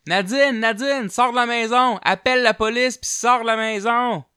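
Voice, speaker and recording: A Québécois man voicing a panicked adult man shouting urgent warnings, bright and clear. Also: fairly high pitch, brisk, no room sound, studio quality, voice pushed up.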